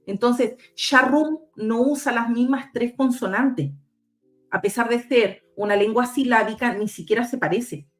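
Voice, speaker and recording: A guest researcher on a video call speaks in a slightly high voice at a measured pace, with soft music in the background. Like a teacher, she patiently explains a talk with slides, spelling out letters one at a time.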